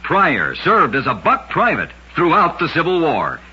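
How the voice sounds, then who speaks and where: Pitch swooping wildly, a man with a slightly high voice narrates short oddity stories unhurriedly, playing the radio host with dramatic, emphatic scripted flair. It's a lo-fi, noisy, band-limited vintage radio recording.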